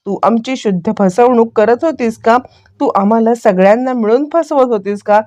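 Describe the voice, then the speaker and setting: A woman's voice: on the high side, normal speed, dark tone, no echo, close to an everyday voice. A woman voicing an angry young husband who scornfully orders someone out of the house. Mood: furious. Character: angry young husband Ashwin, furious and commanding.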